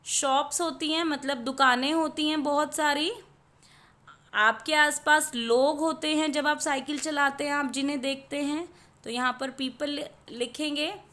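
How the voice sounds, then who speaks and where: A woman's voice: sits high, steady tone, unhurried, pushed and bright. A woman teaching a children's worksheet, patiently explaining each answer and sounding out words letter by letter. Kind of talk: worksheet lesson in Hindi with English words.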